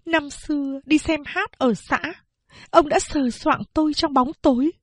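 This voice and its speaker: A woman's voice: high-pitched, steady tone, a little slow, no echo, clean studio sound, voice pushed up. A woman reading aloud, voicing a determined young mother who speaks earnestly. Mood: bold.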